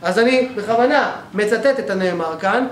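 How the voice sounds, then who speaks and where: A male teacher giving a grammar class in a synagogue hall, explaining step by step and often checking that the class follows. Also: sits high. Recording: echoey room, faint background noise.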